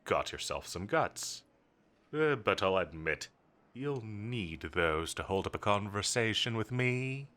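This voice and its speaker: In a scripted roleplay audio drama spoken to the listener, a man voices a cocky villain commander who drawls, flirts, and bosses with playful teasing. His voice sits fairly low, a bit bright and animated, and moves a little slowly.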